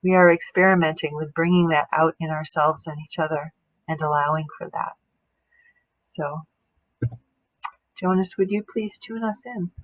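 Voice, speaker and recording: A woman facilitator gently walks a group through the opening of a lesson. Her voice is a bit low for a woman. The recording is very dry and a little muffled. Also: normal speed, pauses often, dry recording. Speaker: course facilitator.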